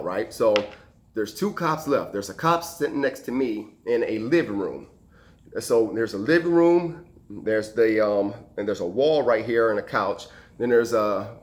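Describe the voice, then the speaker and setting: A firefighter recounting an emergency call as a casual anecdote, acting out the people involved with lively quoted voices. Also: male voice, medium pitch. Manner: animated, acts out quoted voices and sound effects.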